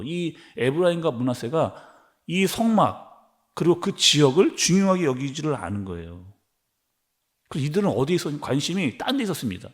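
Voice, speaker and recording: A man preaches in a church sanctuary at an early-morning service. His voice sits high and swings widely in pitch. He slips into character to act out quoted complaints before pressing his point with emphatic peaks. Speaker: pastor.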